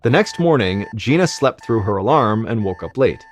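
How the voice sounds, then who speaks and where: A man telling a true medical mystery in scripted narration, measured and suspenseful, dropping quieter at the tense moments. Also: on the low side, lively intonation. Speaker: storyteller.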